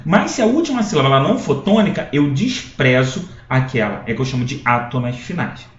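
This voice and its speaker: A man's voice: medium pitch, sing-song, a little fast. Man teaching a poetry lesson, echoey. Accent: Brazilian Portuguese. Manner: explanatory, with frequent checking tags and restarts. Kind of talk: recorded classroom lecture. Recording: echoey room, dull lo-fi sound.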